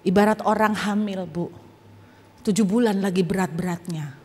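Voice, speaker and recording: A woman guest preacher telling a personal testimony in a sermon, animated and humorous, with casual colloquial asides. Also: mid-range voice, moderate pace, slightly rough. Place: church auditorium. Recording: long church hall reverb.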